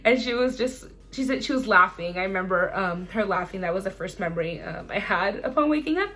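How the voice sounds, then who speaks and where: A young adult woman vlogger chatting casually to camera, telling personal stories in a chatty, animated way. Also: medium pitch, quick pace.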